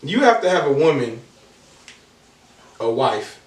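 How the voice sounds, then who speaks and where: A man's voice: mid-range voice, very animated, a little slow. A man in his thirties, a podcast guest in casual chat, earnest and repeating himself as he talks. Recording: echoey room, mic at a distance.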